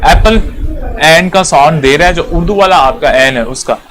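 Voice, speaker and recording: A man who speaks Urdu teaches English in a classroom, his voice fairly high and bright, moving at a moderate pace over a little hiss or hum. He repeats his points and keeps checking whether students follow, asking "clear?"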